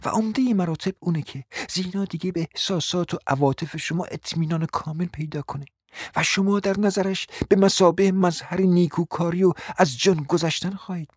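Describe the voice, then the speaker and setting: A cunning, flattering provincial mother played by a woman in a radio drama, coaxing in a smooth, persuasive voice that keeps sinking to a whisper. The sound is dry and close, with no room around it. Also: mid-range voice, no echo, natural voice. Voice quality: coaxing, often drops to a whisper. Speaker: scheming mother. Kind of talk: radio play acting.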